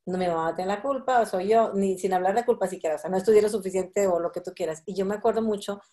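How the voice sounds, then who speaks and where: A woman's voice: mid-range voice, fast, warm tone. A middle-aged woman hosting a casual group conversation, thoughtful and often laughing. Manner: reflective, laughs often, acts out quotes.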